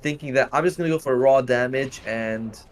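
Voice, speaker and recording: A man's voice: medium pitch, moderate pace, noisy background. A man giving casual color commentary on an esports match, rambling with lots of fillers and slang. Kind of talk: live game analysis commentary.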